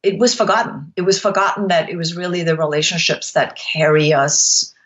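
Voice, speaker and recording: Guest, woman from Denmark, lowish voice, reflective and hesitant, slightly dull audio. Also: brisk, fairly bright tone. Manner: reflective, hesitant with frequent ums. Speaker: podcast guest. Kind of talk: interview conversation.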